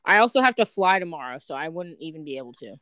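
A woman's voice: low-pitched, sing-song, fast, fairly bright tone, no echo. A young woman in her late teens co-hosting a podcast, laid-back and slangy, laughing often. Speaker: podcast co-host. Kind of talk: casual chat.

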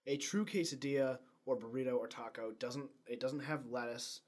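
A man's voice: medium pitch, steady tone, moderate pace. Rambling casual man co-hosting a podcast. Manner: rambling, many fillers and restarts. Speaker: podcast co-host. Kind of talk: casual chat.

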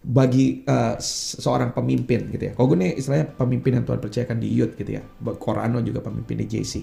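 A man preaching as a youth pastor, with a deep gravelly fry running through a dark, mellow voice. He talks earnestly and slangily, acting out the complaints of ordinary people. Soft music plays faintly underneath. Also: steady tone, quick pace. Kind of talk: preaching in a podcast chat.

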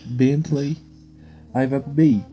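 A man's voice: medium pitch, steady tone, slow, dark tone, faint music behind. A man in casual chat, patiently explaining in a drawling way.

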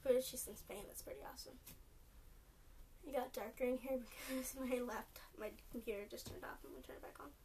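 Young woman, Californian accent, podcast host; casual rambling, fillers everywhere, slightly high voice, distant mic. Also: fairly even intonation, fast, darkish tone. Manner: rambling, lots of "like" and "um", restarts often. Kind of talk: rambling solo podcast chat. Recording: distant mic with faint noise.

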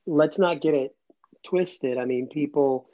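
A Cuban-born man in his late thirties, raised near Atlanta, works as an immigration lawyer and appears as a guest on an interview show, telling his story in an earnest, rambling way during casual chat. His voice is a little high and dark-toned, slow-paced, on dull lo-fi audio.

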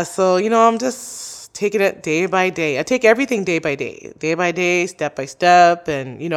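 Being interviewed about her own podcast, this young woman speaks in a lowish, clear, resonant voice. She's chatty and open, sprinkling in many "like" and "you know" fillers.

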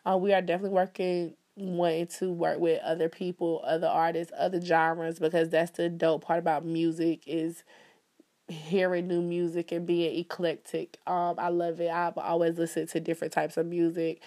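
Chatty stuffed-up woman, slightly low. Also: level tone, moderate pace, dark tone. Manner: chatty, upbeat, calls listeners "baby". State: stuffed up with allergies. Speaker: host promoting events and services. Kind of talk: casual promo talk. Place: indoors, in the country.

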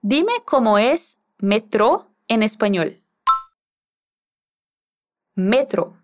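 Slow, lively-voiced woman teaching a language. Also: high-pitched. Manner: patient, encouraging, prompts the listener to repeat. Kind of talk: scripted language lesson instruction.

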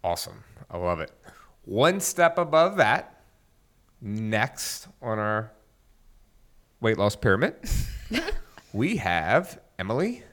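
A man's voice: lowish voice, big pitch swings, slow, long pauses, a bit bright. A man co-hosting a casual fitness podcast, joking and upbeat as he leads the segments. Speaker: podcast co-host.

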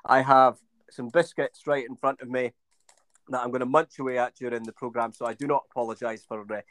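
A man's voice: medium pitch, flat delivery, brisk, a bit bright, dry recording. A man co-hosting a football podcast in casual chat, hesitant with many fillers and restarts. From England. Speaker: podcast co-host.

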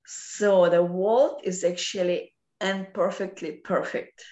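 Woman, Russian accent, slightly low pitch, slow pace, halting non-native phrasing, unscripted philosophical explaining. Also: steady tone, warm tone, dull audio. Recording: roomy, echoing sound.

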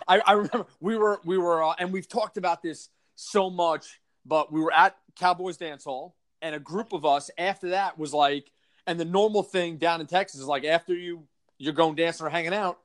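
A man with a noticeably high-pitched voice and a Long Island accent, talking in a loose, chatty podcast conversation. He jokes around and restarts his sentences as he tells stories. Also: steady tone. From Long Island, New York. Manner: chatty, jokey, quick restarts. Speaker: podcast co-host. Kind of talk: casual chat.

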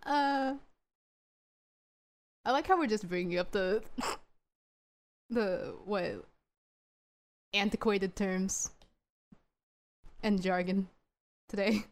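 A woman's voice: mid-range voice, extremely slow, long pauses. A young woman co-hosting a podcast, chatting playfully and giggling often. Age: young adult. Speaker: podcast co-host. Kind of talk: casual chat.

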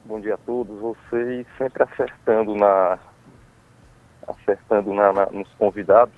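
A man calling in to a radio show over a phone line, halting and often repeating words as he gives praise. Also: fairly low pitch, little pitch movement. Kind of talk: casual chat. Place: phoning in from elsewhere. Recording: dry tinny phone line.

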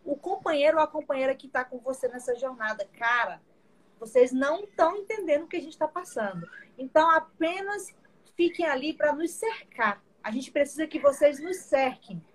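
High-voiced woman telling animated stories. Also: normal speed. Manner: animated storytelling, acting out her own quoted lines. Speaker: mother talking about breastfeeding. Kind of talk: casual group conversation.

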